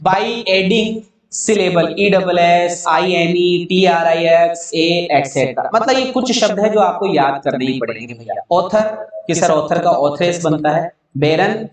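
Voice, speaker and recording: High-voiced Indian man teaching grammar. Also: heavy reverb, far from the mic. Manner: spells words out letter by letter and asks questions, then answers them himself. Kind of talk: online grammar lesson.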